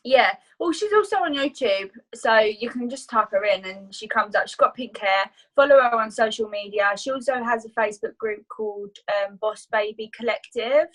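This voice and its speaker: A woman's voice: on the high side, moderate pace, hardly any pauses, poor audio. A woman talking casually on a video call, sharing her business tips as a guest trainer, chatty, with many fillers and restarts. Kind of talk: casual online training talk.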